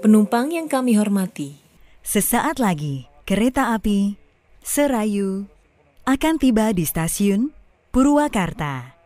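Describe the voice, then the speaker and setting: A woman giving a formal, polite train announcement over an onboard loudspeaker, measured and evenly paced. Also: medium pitch, sing-song. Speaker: recorded station announcer.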